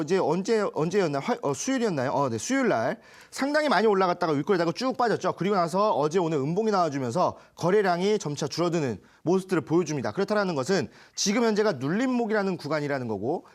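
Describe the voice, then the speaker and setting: A man from Chungcheong, Korea, giving stock advice on a TV show, chatty, with homely analogies and frequent self-corrections. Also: sits high. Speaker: stock market expert. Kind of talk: stock consultation on TV.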